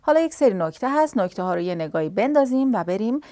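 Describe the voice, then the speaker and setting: A woman's voice: medium pitch, very animated, mellow, dry recording. Woman teaching grammar step by step. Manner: explains step by step, asks and answers her own questions. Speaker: language teacher. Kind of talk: grammar lesson.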